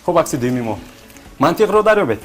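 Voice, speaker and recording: A man's voice: a little high, big pitch swings, faint music behind. A man with a Tajik accent hosting a TV quiz, coaxing the contestants and repeating their answers back to them. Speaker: quiz show host.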